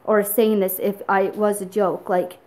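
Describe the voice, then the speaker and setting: A woman's voice: mid-range voice, level tone, a little slow, a little mellow, poor audio. A young adult woman vlogging casually, tearful and rambling, with lots of fillers as she tells a story.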